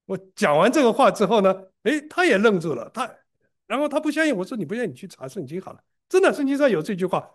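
A man preaching a sermon to his congregation, telling personal stories in an animated way with frequent restarts. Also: fairly high pitch. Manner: animated storytelling, frequent restarts and self-repair.

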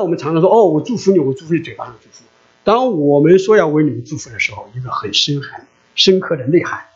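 A middle-aged man preaching a sermon, earnestly repeating his appeal to the listeners and then leading a prayer. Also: mid-range voice. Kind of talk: sermon with altar call and prayer. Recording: dull lo-fi recording.

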